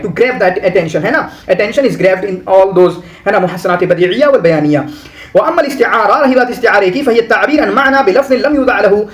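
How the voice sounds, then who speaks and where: A man's voice: sits high, reverberant. A man teaching a lesson, reading Arabic lines and then explaining them in a conversational way with everyday examples, often adding "है ना". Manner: repeats "है ना" often. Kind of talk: lecture explaining Arabic literary terms.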